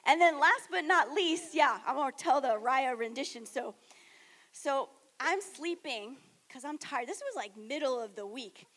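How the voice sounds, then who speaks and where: A youth director telling funny stories on a panel, animated and laughing, acting out what others said. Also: female voice, high-pitched, a little slow. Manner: animated, laughing, acts out quotes. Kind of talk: casual storytelling on a panel.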